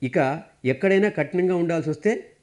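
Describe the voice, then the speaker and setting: A man giving a spiritual discourse as a meditation teacher, earnest and measured, teaching through parables. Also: a little high, darkish tone.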